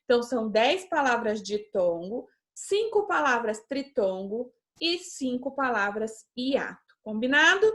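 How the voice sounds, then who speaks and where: A woman's voice: on the high side, sing-song, fairly bright tone. Patient Brazilian woman teaching children. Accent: Brazilian Portuguese. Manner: patient, slow and drawn out on example words, checks in with "tá?". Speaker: schoolteacher. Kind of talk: remote class lesson for children.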